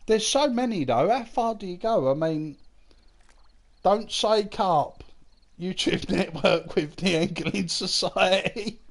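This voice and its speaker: A man's voice: high-pitched, animated, a little slow, creaky, few pauses. A man chatting casually with viewers on a game live stream, laughing often at his own jokes. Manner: chats with viewers, reading their comments aloud.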